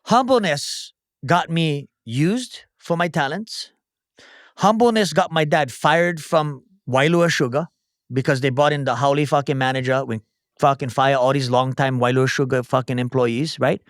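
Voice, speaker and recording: A guest chef and entrepreneur in his forties from Oahu, Hawaii, talks bluntly and emphatically, with plenty of profanity, in a casual podcast conversation. His English carries a Hawaiian Pidgin tinge, and his fairly high voice comes through at normal speed in a clean studio recording with no room sound.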